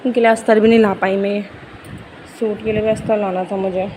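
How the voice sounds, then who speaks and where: A young woman filming a casual home vlog, chatting about her day and coaxing her little daughter in a lively sing-song. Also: medium pitch, brisk, a little hiss or hum, low-quality recording. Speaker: vlogger mother.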